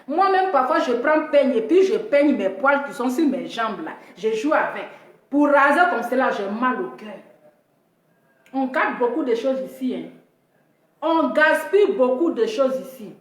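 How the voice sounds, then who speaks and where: A woman from Africa telling a comic story about herself, animated, jumping into high squealing voices when she mimics other people. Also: unhurried, roomy sound.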